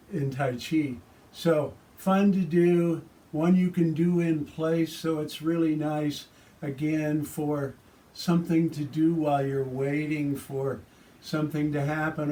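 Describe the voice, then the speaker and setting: A man with a fairly high, mellow voice teaches tai chi and qigong. He gives calm, soothing cues for each movement, relaxed and instructive. He is recorded some distance from the microphone. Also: slight background noise.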